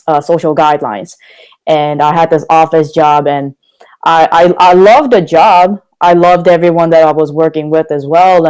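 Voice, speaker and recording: A young Korean man, appearing as a guest on a casual podcast interview, speaks candidly and with plenty of energy. He's a motivational speaker, and his voice sits a little high with a darkish, smooth tone, though the recording quality is low.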